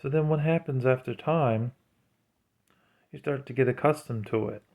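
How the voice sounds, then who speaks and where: With a mid-range, darkish voice at a moderate pace, a man gives religious commentary as a vlogger in an informal, sermon-like monologue. He speaks in an earnest, admonishing way.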